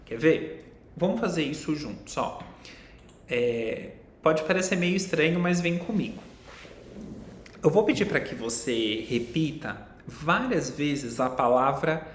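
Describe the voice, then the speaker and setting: A young man with a Brazilian accent, a psychologist giving an online lecture, explaining and asking viewers questions directly. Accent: Brazilian Portuguese. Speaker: psychologist teaching a course. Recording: echoey room with faint rumble.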